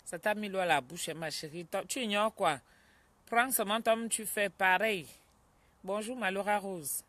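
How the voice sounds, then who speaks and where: A woman hosting a casual live stream from home, chatting with viewers, greeting them by name and breaking off to calm a child. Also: mid-range voice, moderate pace, dry recording.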